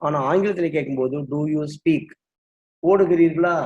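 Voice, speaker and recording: Male English tutor, patient drill style, raised pitch, dull lo-fi audio. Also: a little slow, a little mellow. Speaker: English teacher. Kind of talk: classroom explanation in Tamil with English drills. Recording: dull lo-fi recording.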